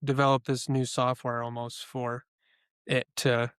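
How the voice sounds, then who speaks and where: Smooth-voiced young man, chatty podcast co-host. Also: mid-range voice, level tone, measured pace, a bit bright, dry recording, clean studio sound. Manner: chatty, opinionated, heavy use of "like". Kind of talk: casual chat.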